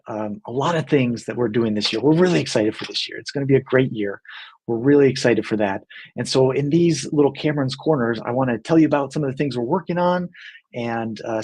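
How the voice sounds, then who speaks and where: A man with a somewhat husky, breathy voice at a middle pitch, talking casually to his audience. He is earnest and friendly and often restarts his sentences with fillers. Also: darkish tone. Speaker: company team member hosting a video segment. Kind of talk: casual talk to camera.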